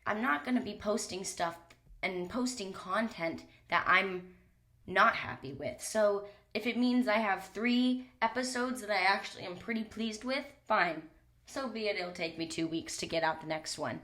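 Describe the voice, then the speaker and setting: This young woman's mid-range voice is a bit bright and moves at a moderate pace as she hosts her solo podcast. Recorded in a small closet, she sounds a little stuffy from a cold and speaks candidly, casually, and with some swearing.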